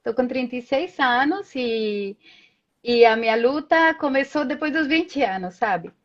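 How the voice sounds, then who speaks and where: A high-voiced Colombian woman with lively intonation talks unhurriedly as a guest in a casual live video call over lo-fi audio. She's in her thirties with Spanish as her first language, chatty and storytelling, and uses lots of tag questions.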